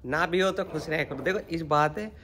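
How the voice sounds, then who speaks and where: A woman's voice: deep voice, normal speed, a bit bright, a little hiss or hum. A woman with a Haryanvi accent chatting casually to her viewers in a vlog, calling them brother. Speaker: vlogger.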